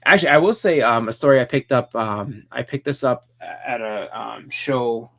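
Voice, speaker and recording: A man's voice: medium pitch, normal speed, creaky, a bit bright. A man hosting a live stream, chatting casually about comics in a rambling way with many restarts.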